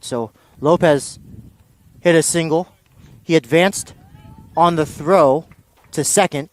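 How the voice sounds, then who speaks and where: High-voiced excitable baseball announcer. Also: male voice. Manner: excitable, rising to near shouts on big plays, dry asides. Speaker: play-by-play announcer. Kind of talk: baseball play-by-play commentary.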